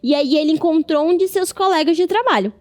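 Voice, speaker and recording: A woman with a Brazilian accent tells a Bible story to children and speaks to them directly. Her voice is high and animated. Soft music plays faintly in the background. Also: fast talker.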